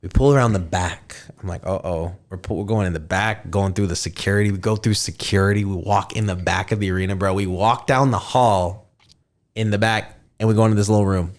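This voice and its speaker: Thirties male host, low-pitched, animated, jumps up high for quoted lines. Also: a little fast. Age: 30s. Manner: animated storyteller, acts out quotes in raised voices. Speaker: podcast host. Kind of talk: casual storytelling chat.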